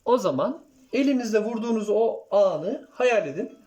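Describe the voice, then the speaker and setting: A man's voice: high-pitched, expressive, normal speed. A man teaching a music lesson, counting beats aloud and checking in with his students. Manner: counts beats and sings note names aloud; addresses students directly, checks "okay?". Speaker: kemenche teacher.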